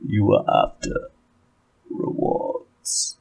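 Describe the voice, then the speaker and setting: A man voicing an imperious, brooding jarl in a tabletop game, speaking slowly and haltingly with menace. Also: darkish tone. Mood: amused.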